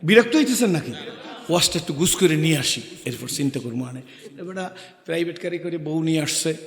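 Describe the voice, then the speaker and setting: Through echoing loudspeakers at an outdoor gathering, a brisk, expressive male preacher with a high-leaning voice gives a fiery waz sermon. He sings couplets and calls for loud answers from the large crowd, and the PA sound carries a long reverb.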